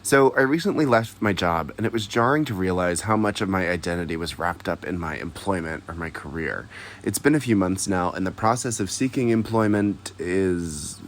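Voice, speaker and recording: A man's voice: low voice, moderate pace, slight background noise. A man leaving an earnest, reflective voicemail for a podcast as a listener.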